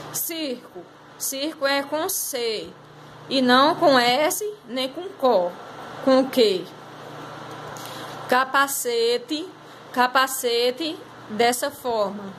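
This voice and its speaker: A woman's voice: high voice, expressive, takes it slowly, fairly bright tone, a little hiss or hum, low-quality recording. A woman teacher going over a class exercise, patiently explaining step by step and drawing out words. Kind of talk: recorded class lesson correcting exercises.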